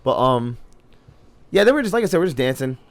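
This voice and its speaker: A young man co-hosting a podcast, telling a story in casual, profane chat and loudly quoting himself. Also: mid-range voice, very animated, a little fast. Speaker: podcast co-host.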